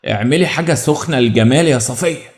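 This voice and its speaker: A man's voice: mid-range voice, fast talker, lightly acted. A man voicing a timid, henpecked father with an Egyptian Arabic accent, speaking hesitantly and apologetically in an audio story.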